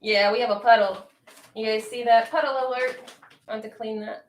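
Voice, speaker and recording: A chatty woman from the northeastern United States hosts a casual livestream and keeps talking straight to her viewers. Her voice sits a little high. It sounds roomy and echoey, picked up from some way off the mic. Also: steady tone, far from the mic, a little hiss or hum. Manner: says she talks fast. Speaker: livestream host.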